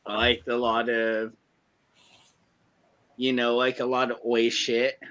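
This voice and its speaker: A man in his thirties from California, chatting casually in an excitable, rambling way with plenty of profanity. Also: mid-range voice, slow, muffled recording. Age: 30s. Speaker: podcast co-host. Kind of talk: casual chat.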